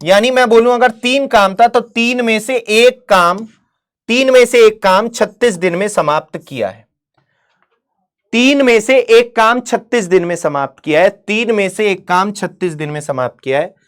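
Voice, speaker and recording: A woman teaching an exam-prep maths lesson. She fires questions at her students, answers them herself, calls them "beta" and "mere bhai", and reads English problem text slowly before restating it. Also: mid-range voice. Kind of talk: online exam-prep lecture.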